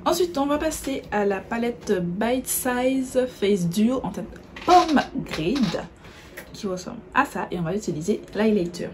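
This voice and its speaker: A woman's voice: on the high side, lively intonation, a little slow, background noise. A woman chatting casually through a makeup tutorial, correcting herself as she goes and describing each product while she applies it. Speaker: beauty vlogger.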